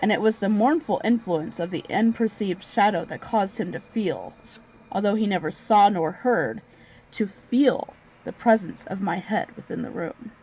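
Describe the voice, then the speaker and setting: Voicing a jittery, fixated killer in a gothic horror reading, a woman at medium pitch goes theatrical and over the top, drawing out and repeating words with gleeful madness. Her mellow, slightly breathy voice moves at normal speed on a low-quality recording, carrying a brooding sense of dread.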